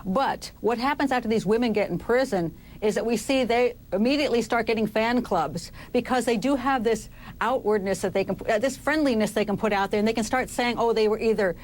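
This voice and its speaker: A woman's voice: a little high, a little fast, a little hiss or hum. A woman criminal profiler commenting on a television panel, assured and vivid in her phrasing. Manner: assured, vivid, acts out quotes.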